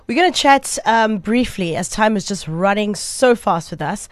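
A woman's voice: mid-range voice, lively intonation, normal speed, no room sound. A woman hosting a radio interview in a chatty, informal, gushing way. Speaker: radio host.

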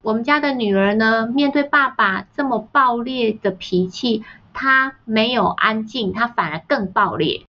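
A woman's voice: on the high side, a little slow, hardly any pauses. A woman, a parenting author telling family anecdotes as a podcast guest and mimicking the voices of her family. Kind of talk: storytelling in a podcast interview. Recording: slightly dull, muffled sound.

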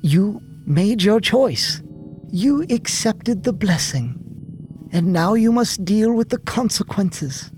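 A man voicing a stern, condescending elderly nun woman, speaking in an imperious, mocking, drawn-out way. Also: high voice, expressive, darkish tone, soft background music, pitched above the performer's own voice. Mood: scornful. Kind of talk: storybook narration with character voices.

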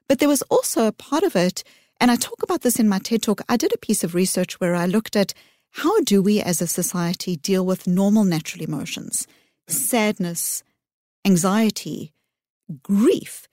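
A middle-aged woman, a psychologist giving earnest, measured interview answers with thoughtful pauses. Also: medium pitch, darkish tone, no echo, studio quality. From South Africa. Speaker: psychologist guest.

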